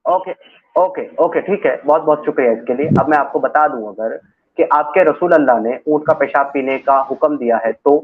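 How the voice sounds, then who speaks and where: A man hosting and moderating a live debate, calm and persistent as he repeats his questions. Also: a little high, brisk, a little hiss or hum. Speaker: host and moderator. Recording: phone-like narrow audio.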